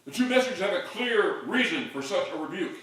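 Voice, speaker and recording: A man's voice: high-pitched, very animated, fairly quick. Older male pastor in a big echoing church. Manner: builds to loud call-and-response shouts. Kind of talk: sermon. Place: large church sanctuary. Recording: echoey hall from far off.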